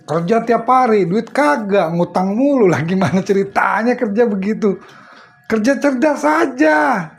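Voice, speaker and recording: A man's voice: sits high, normal speed, hardly any pauses. A middle-aged man giving a casual religious study talk, telling stories and laughing often. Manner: chatty storyteller, often laughs. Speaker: preacher.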